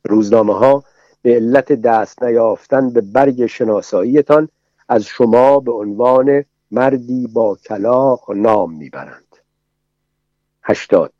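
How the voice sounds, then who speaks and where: A man narrating a literary audiobook in a measured, rhythmic reading voice, reciting long passages in an even cadence. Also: mid-range voice, no echo, lo-fi sound.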